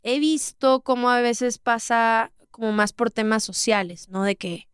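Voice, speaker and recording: A woman's voice: fairly high pitch, measured pace, clean tone, dry recording, studio quality. A young woman in her twenties from Monterrey with a Mexican accent, a guest talking thoughtfully in a casual interview, often saying "o sea" and "¿sabes?". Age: 20s. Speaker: guest, singer.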